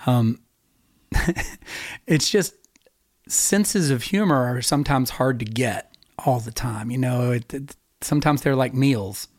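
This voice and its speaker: A man's voice: mid-range voice, takes it slowly, long pauses, dry recording, studio quality. A man co-hosting a podcast in casual chat, rambling and laughing often. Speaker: podcast co-host.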